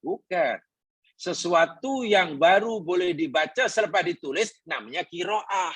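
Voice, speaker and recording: A man's voice: high-pitched, lively intonation, a little slow, fairly bright tone, husky, no echo. A man with a Malaysian Malay accent teaching a Quran class, explaining patiently, repeating his points and asking the congregation questions. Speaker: religious teacher.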